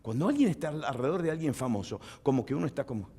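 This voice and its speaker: A pastor preaching a sermon to a congregation. He asks them questions and rises to loud proclamation as he reads scripture. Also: mid-range voice, very fast, slight background noise. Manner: lively preaching, rising to loud proclamation when reading scripture.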